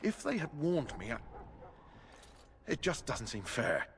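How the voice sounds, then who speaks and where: A man's voice: on the high side, huge pitch swings, a little slow, a little hiss or hum, exaggerated voice. A man playing an anxious, protesting knight recruit in a fantasy video game, indignant and pleading.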